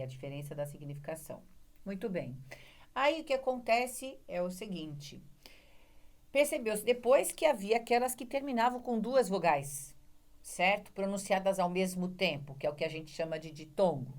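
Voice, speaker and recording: A woman with a Brazilian Portuguese accent giving an online grammar lecture, explaining step by step and checking in with her listeners. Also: lowish voice. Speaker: Portuguese language teacher.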